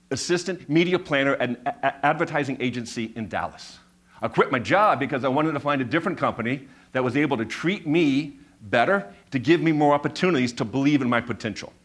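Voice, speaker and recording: Speaking to an audience, a fifty-something man tells his own story while a stutter makes him repeat sounds and words. He layers his points with steady, emphatic repetition in a medium-pitched, fairly bright voice.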